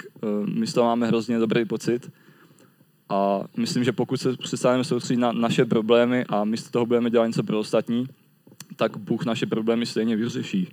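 A man's voice: medium pitch, darkish tone, dry recording. A man preaching a sermon in a reflective, conversational way.

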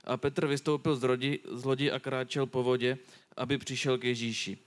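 A young man reads a Bible passage with frequent pauses and fillers, then talks it over in a relaxed, informal way. His voice sits in an ordinary middle range, and he often stumbles and restarts his sentences. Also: mid-range voice. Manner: hesitant, many fillers and self-corrections. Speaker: youth speaker sharing a Bible verse. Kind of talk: informal Bible reading and reflection.

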